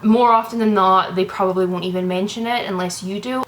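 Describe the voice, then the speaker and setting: A woman's voice: medium pitch, fairly even intonation, brisk, fairly bright tone, poor audio. A young woman from Canada chatting to her camera, out of breath, rambling and reassuring. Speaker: vlogger. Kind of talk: casual chat to camera. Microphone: camera mic.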